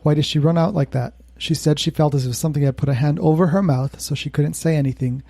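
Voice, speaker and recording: A man's voice: a little high, fairly even intonation, fast, creaky, warm tone, no room sound. A male podcast co-host telling a spooky story in casual chat, laughing now and then. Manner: laughs while telling a creepy tale.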